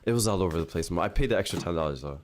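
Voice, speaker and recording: A man co-hosting a casual podcast, animated and mocking in his banter. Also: sits low, rapid-fire, a crowd in the background. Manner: animated, mocking, laughs off jokes. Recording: noisy with clicks.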